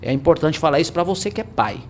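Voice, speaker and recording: Man, 40s, fast-talking, emphatic podcast storyteller. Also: fairly high pitch, expressive, a little hiss or hum. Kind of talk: casual podcast conversation.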